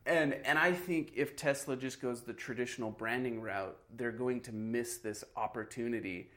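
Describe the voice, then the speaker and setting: A man's voice: medium pitch, moderate pace, a bit bright. A man in a casual podcast chat about marketing, talking loosely and filling gaps with "you know" and "like". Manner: conversational, heavy on "you know" and "like".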